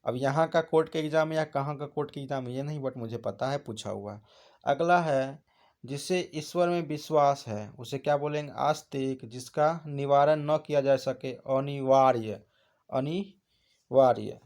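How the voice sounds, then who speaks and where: A man's voice: medium pitch, moderate pace, a little mellow. A man teaching an exam prep lesson, asking questions and answering them himself. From India.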